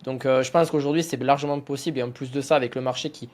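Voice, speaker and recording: A man hosting a casual interview, asking questions in a halting way, often stumbling and restarting. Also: mid-range voice, fairly even intonation, darkish tone. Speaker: interview host.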